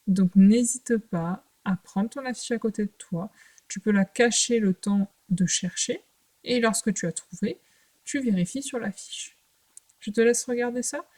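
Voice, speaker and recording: A woman's voice: on the high side, darkish tone. Patient woman teaching young children. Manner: patient, clear, speaks to a young child, with pauses between short phrases. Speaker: primary school teacher. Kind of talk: recorded remote lesson for young children.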